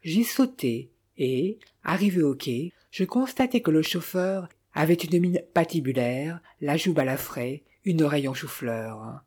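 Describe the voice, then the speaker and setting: Reader doing an easygoing young rich guy, teasing, kinda husky. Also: mid-range voice, expressive, unhurried, hardly any pauses, darkish tone. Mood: recounting. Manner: cheerful, teasing, casually recounting. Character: breezy young man, idle heir, cheerful.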